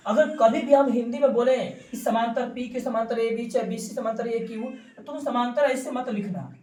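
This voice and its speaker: A woman with a fairly high voice teaches a classroom maths lesson. She repeats each key term and keeps quizzing her students. She is recorded from a distance in a roomy, echoing classroom with faint background noise. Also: moderate pace, warm tone.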